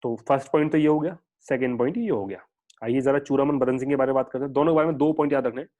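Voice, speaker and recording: Fast-talking male exam-prep teacher. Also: mid-range voice, warm tone, lo-fi sound. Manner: chatty, digressive, mixing English terms into Hindi. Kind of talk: casual online lecture.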